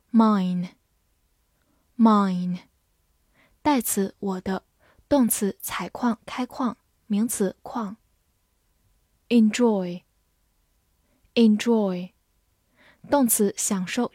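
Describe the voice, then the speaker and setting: A woman teacher reading a vocabulary review lesson slowly and deliberately, saying each English word twice and then its meaning, often trailing off softly at the end of a phrase. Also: medium pitch, no room sound, clean studio sound.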